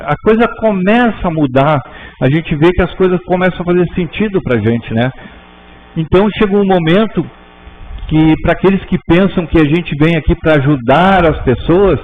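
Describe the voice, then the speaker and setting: A man teaching a spiritist class in a conversational way, often tagging sentences with "né?" and restarting them. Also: a little high. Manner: conversational, frequent "né?" tags, halting restarts. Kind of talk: informal class talk. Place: spiritist center auditorium. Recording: tinny lo-fi with faint hum.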